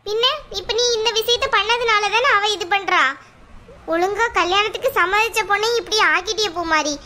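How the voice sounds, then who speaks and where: A woman's voice: very high voice, normal speed, pushed and bright, slight background noise. A woman voicing a scolding mother of two daughters in a cartoon, nagging and exasperated. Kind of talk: cartoon voice acting.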